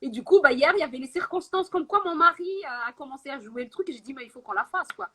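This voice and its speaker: A woman singer performing live and then chatting about her song, rushing through stories with quick asides. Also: sits high, expressive, bright, forceful tone. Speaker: singer and interview guest. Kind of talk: live singing then casual chat.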